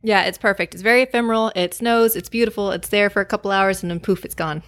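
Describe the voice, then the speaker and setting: A woman co-hosting a podcast, telling relaxed, cheerful stories in casual chat. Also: medium pitch, quick pace, no echo, studio quality. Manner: relaxed, cheerful storytelling with soft laughs. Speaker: podcast co-host.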